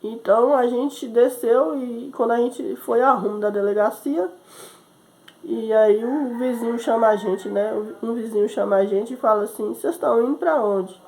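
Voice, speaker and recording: A woman's voice: on the high side, moderate pace, a little mellow. A woman missionary, telling a personal testimony as a sermon, acting out the voices of the people in her story and often adding "né?". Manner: storytelling, quoting others, frequent "né?". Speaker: missionary preacher.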